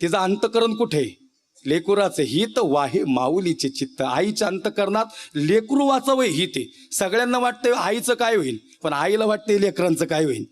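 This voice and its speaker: A man's voice: high-pitched, sing-song, normal speed. A man preaching a devotional kirtan sermon in an emotional, rustic style, addressing the audience directly.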